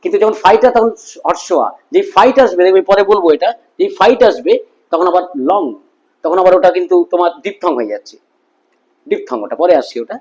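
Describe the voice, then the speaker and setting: Teacher: middle-aged man, Bengali accent, higher voice, drills words one by one. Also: a little mellow, low-quality recording. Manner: repeats words slowly, drilling pronunciation. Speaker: English pronunciation teacher. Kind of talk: classroom-style spoken lesson.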